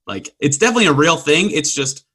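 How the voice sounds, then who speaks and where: Man, podcast host, bright tense voice, wry, conversational sports chat. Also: on the high side, big pitch swings, quick pace, slightly rough. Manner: wry, frequent laughs, conversational.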